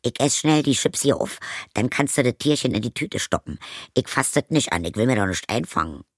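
Sheila, a man putting on a loud, sneering stepmother. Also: medium pitch, animated, fairly quick, no echo, clean studio sound, pitched above the performer's own voice, lightly acted. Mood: bossy. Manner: loud, sneering, mumbling with a full mouth. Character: crude greedy stepmother, loud and mocking. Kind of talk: audiobook character voice.

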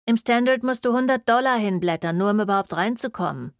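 A woman plays a broke young student, whining and snapping back defensively in protest. Her brisk voice is on the high side, pitched above her natural voice yet close to an everyday one. The studio recording is clean, with no room sound.

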